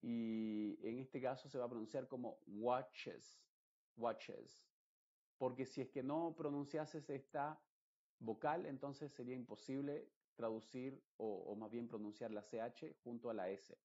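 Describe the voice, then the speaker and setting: A man, teaching English pronunciation in an explanatory lesson and repeating example words slowly and carefully. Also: mid-range voice, steady tone, dark tone. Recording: dull lo-fi recording.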